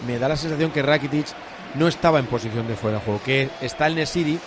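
Fast-talking Spanish football pundit, man. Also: mid-range voice. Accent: Spanish from Spain. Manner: insistent, opinionated. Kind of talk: live match analysis, conversational. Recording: noisy live outdoor broadcast.

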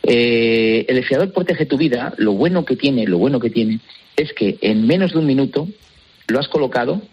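A man's voice: mid-range voice, lively intonation, moderate pace, a little mellow, slightly rough, dull audio. A man, a guest on a radio interview, talking earnestly and persuasively and repeating himself for emphasis. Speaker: guest promoting defibrillators.

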